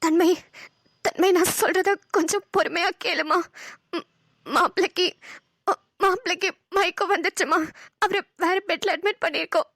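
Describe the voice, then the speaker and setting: Fields: Sex: female performer. Figure: a woman voicing a calm, caring middle-aged mother in a cartoon. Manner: soothing. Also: very high voice, normal speed, no echo, clean studio sound, pitched below the performer's own voice. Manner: soothing, reassuring.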